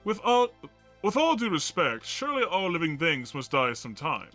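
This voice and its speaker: A man's voice: a little high, big pitch swings, normal speed, pushed and bright, faint music behind. A man voicing a self-important, skeptical male scholar in a game, sounding pompous and scoffing.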